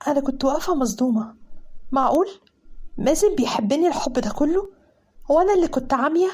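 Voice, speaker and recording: A woman with an Egyptian accent narrating a romantic story in an expressive, emotional way. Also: high voice, quick pace. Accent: Egyptian Arabic.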